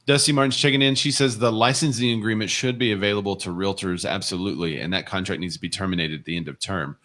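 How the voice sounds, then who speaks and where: Low-voiced man reading comments aloud. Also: fast talker, fairly bright tone. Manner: reads viewer comments and articles aloud, chatty. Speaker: co-host of a real estate show. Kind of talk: casual livestream chat.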